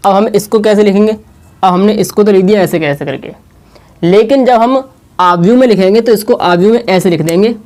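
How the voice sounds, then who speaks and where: A man teaching a maths lesson at a board, slowly explaining and repeating, asking questions and answering them himself. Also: high voice, darkish tone. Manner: slow, repetitive explaining.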